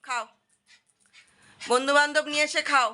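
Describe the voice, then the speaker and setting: High bright chatty woman vlogger. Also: fairly even intonation, moderate pace, a little hiss or hum. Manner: coaxing, chatty, repeats herself. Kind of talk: casual vlog narration. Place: home and yard with wood stove.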